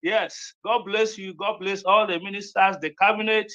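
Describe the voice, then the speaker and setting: A man's voice: high-pitched, steady tone, normal speed, bright, forceful tone, dull audio. A man giving an earnest, sermon-like address to a gathering. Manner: earnest, preaching cadence.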